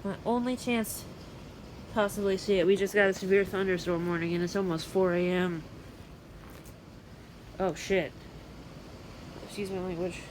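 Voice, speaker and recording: At a moderate pace with frequent pauses, a woman with a steady voice on the low side rambles casually and matter-of-factly to her phone, half muttering to herself. An amateur weather radio vlogger, she's in a room at home at night. The handheld recording is poor, with faint background noise.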